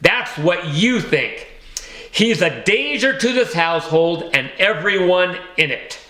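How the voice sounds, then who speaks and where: A man's voice: high-pitched, lively intonation, takes it slowly, sharp tone, reverberant, slight background noise, heavily acted. A man reading the lines of a grumpy, sleepy, suspicious male house cat in an audiobook, snappish and evasive.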